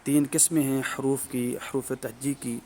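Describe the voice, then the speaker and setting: A man's voice: mid-range voice, steady tone, warm tone, a little hiss or hum. Man teaching letter pronunciation patiently. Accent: Pakistani Urdu. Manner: explanatory, frequent "ٹھیک ہے" check-ins; carefully drawn-out sounding of letters. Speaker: tajweed teacher. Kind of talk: recorded lesson.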